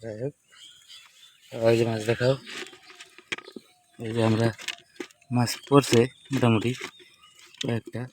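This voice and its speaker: A man's voice: medium pitch, flat delivery, slow, long pauses, a little mellow. Vlogger type: man, Rangpur Bengali accent, chatty and repetitive, phone recording outdoors with faint hiss. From Rangpur, Bangladesh. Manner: chatty, repetitive, greets and addresses viewers. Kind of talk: casual outdoor video blog. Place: rice paddy outdoors.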